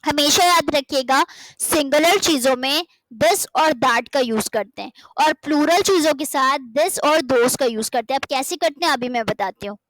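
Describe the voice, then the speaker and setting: A woman teaching an English grammar lesson in Hindi, slowly drawing out each English example sentence and then translating it, often calling her students "beta". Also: high voice, a bit bright, no room sound, poor audio. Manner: addresses listeners as "beta", keeps checking with "theek hai". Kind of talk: classroom-style grammar lesson.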